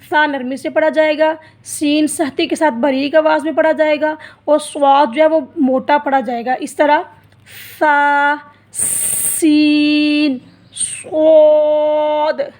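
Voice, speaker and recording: A woman's voice: sits high, steady tone, normal speed, few pauses, a little mellow. A woman teaching a Quran reading lesson for beginners, patiently explaining each letter and drawing out its sound to demonstrate it. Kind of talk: slow step-by-step lesson.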